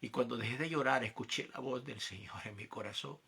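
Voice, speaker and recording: A man preaching a testimony sermon, his voice gravelly and somewhat husky with a bright, forceful edge. He talks emphatically, dropping low and then climbing to loud peaks. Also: fairly quick. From El Salvador.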